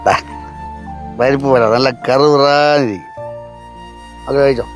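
A man's voice: mid-range voice, unhurried, natural voice. An actor playing a drunk, doting older father who pleads with his daughter in a slurred, repetitive way, in a TV sitcom. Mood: coaxing. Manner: slurred, pleading, repeats endearments. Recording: TV sitcom with music underneath.

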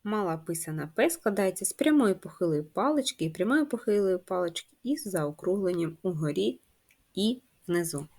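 A woman's voice: fairly low pitch, lively intonation, moderate pace, darkish tone. A woman teacher giving a first-grade handwriting lesson, patient and instructive, spelling out letters and sounds one by one. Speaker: primary school teacher.

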